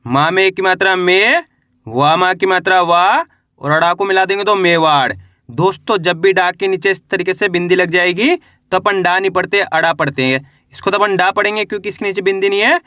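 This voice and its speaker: Man, high voice, bright tone, dry close sound, patient teacher, repetitive drilling. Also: dry recording. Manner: patient, repetitive, often asks "आ रहा है समझ में?". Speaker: Hindi reading teacher. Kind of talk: step-by-step spoken lesson.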